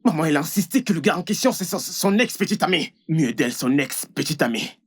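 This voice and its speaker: A man's voice: medium pitch, moderate pace, breathy edge, lightly acted. An actor voicing a young husband insisting his wife is cheating, in a dubbed drama. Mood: agitated. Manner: agitated, insistent. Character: jealous, angry young husband.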